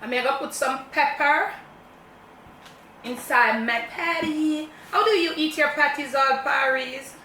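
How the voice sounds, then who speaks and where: A woman's voice: high-pitched, measured pace, sharp tone. A woman with a Jamaican accent chatting casually about food while chewing as she talks. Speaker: mukbang co-host. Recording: roomy echo, distant mic, faint noise.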